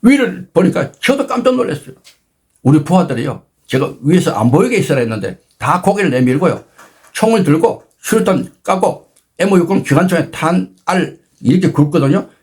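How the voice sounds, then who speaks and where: A man in his sixties hosting his own channel, retelling a personal story with dramatic emphasis and sudden jumps in pitch. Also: very animated, moderate pace, darkish tone, husky. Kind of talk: animated storytelling talk.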